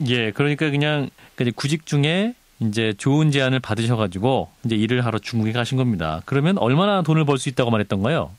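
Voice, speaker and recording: Polite formal radio host guy, talks fast, dry studio sound. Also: medium pitch, expressive, no room sound. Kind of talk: news radio interview.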